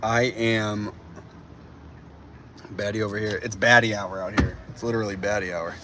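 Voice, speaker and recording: A man's voice: lowish voice, normal speed, a little hiss or hum. A man in his twenties streaming live while driving through a city, chatting casually and rambling. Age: 20s. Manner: rambling, animated, says bro a lot. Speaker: livestreamer. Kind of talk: casual livestream chat.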